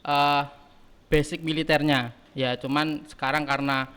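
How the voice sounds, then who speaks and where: A man in his early twenties, a student leader answering podcast questions in a halting way, often pausing to search for words. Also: fairly high pitch, level tone, a bit bright, clear, resonant tone. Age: early 20s. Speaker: guest, student council chairman. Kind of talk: casual podcast interview.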